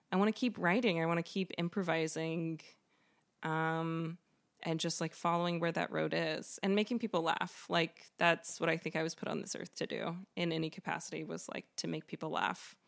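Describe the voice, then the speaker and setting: A woman's voice: deep voice, steady tone, moderate pace, creaky. A woman guest chatting casually on a podcast interview about her comedy writing and improv, talking loosely with many fillers and laughing easily.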